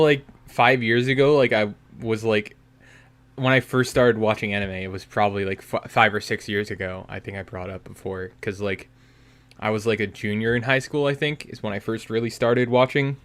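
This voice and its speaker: A young man co-hosts a podcast, chatting casually and rambling with constant "like" fillers and jokes. His fairly low voice is steady, a bit bright, and clean in tone, at normal speed.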